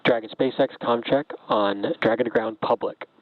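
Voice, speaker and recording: A man's voice: medium pitch, moderate pace, slight background noise. A man calling out terse, procedural radio checks from mission control over a choppy radio link that breaks up. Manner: clipped, procedural. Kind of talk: terse radio comm callouts. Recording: tinny dry radio line.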